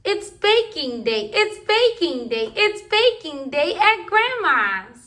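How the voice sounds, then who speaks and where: A woman's voice: extremely high pitch, big pitch swings, slow, sharp tone. Sing-song woman reading to toddlers. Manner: sing-song, rhythmic read-aloud. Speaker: children's book reader. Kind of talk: reading picture books aloud to toddlers.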